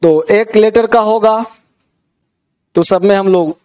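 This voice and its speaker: A man's voice: high-pitched, steady tone, takes it slowly, darkish tone. A man teaching a grammar lesson, often checking that students have understood and coaxing them along, with an Indian accent on English words. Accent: Indian English words in Hindi.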